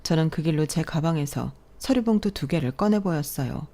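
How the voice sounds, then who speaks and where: Mellow-voiced woman narrating a story. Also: low-pitched, animated, fairly quick. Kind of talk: first-person radio story narration.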